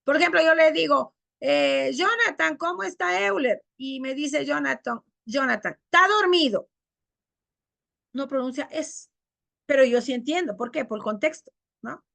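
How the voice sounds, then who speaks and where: A woman teacher giving a classroom lecture on diction, explaining terms and acting out examples in higher voices. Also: normal speed, vocal fry, dry recording.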